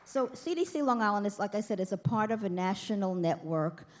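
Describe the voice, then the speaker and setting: A woman's voice: mid-range voice, expressive, a little fast. A woman in her fifties giving a chatty, self-deprecating speech at a gala, speaking to the crowd from a podium. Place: banquet hall.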